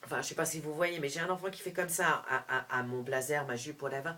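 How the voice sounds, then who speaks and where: Middle-aged woman telling a story, lowish voice, lots of restarts, gets loud then quiet. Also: fast talker. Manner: animated, restarts often, shifts between hushed and loud. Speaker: vlogger. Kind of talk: personal storytelling monologue.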